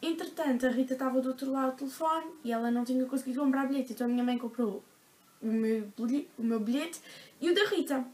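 A woman's voice: high-pitched, quick pace, darkish tone. A young woman in her teens with a European Portuguese accent, telling a story to her vlog audience in a chatty, dramatic way, full of fillers. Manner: chatty, dramatic retelling with frequent "tipo" fillers. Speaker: vlogger. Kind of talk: casual storytelling to camera.

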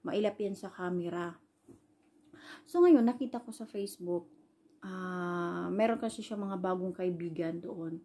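A woman's voice: fairly low pitch, measured pace, long pauses, mellow, husky. A Filipino woman, an overseas caregiver, casually recounting a personal story in a rambling vlog style, full of fillers. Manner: rambling, fillers like "ayan", retells quoted dialogue. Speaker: overseas worker and caregiver vlogger.

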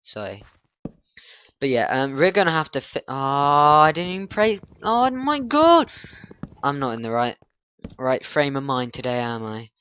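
A man's voice: mid-range voice, animated, normal speed, pushed and bright, clear, resonant tone, no room sound, dull audio. A man rambling through let's-play commentary, flustered, grumbling and poking fun at himself. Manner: flustered, grumbling, self-mocking. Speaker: gaming channel host.

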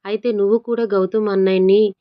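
A woman voicing a calm, composed young woman who speaks in an unhurried, even way, on a dull lo-fi recording. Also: mid-range voice, clear, resonant tone, close to an everyday voice.

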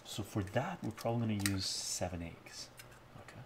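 In a very noisy recording, a middle-aged man cooks in his home kitchen and chats casually with live-stream viewers, regularly asking "right?". His voice is lowish at a normal speed, and his distance from the fixed camera mic keeps changing as he moves.

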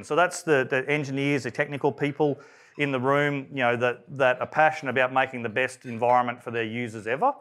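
Fast-talking Australian man presenting. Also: mid-range voice. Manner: rapid, conversational, with many fillers and restarts; self-described monotone. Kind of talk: technical presentation. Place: event room.

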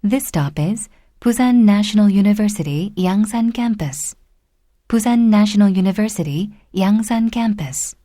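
Woman giving an unhurried, formal subway stop announcement, mellow voice, dry close recording. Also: medium pitch, animated, dry recording. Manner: slow, deliberate, formal. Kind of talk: prerecorded train station announcement.

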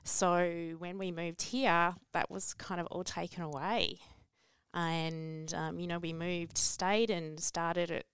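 A woman's voice: lowish voice, level tone, slow pace, a bit bright, smooth, no echo. A woman, a radio guest sharing her story in a reflective way. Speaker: guest entrepreneur. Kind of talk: radio interview. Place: small radio studio. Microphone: headset mic.

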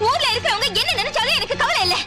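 Brief: sharp-tongued, defiant young wife, quick and high-pitched. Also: female voice, expressive, over loud music. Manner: sharp, scolding, combative. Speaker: actress. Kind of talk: Tamil film dialogue. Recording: film scene over loud background score.

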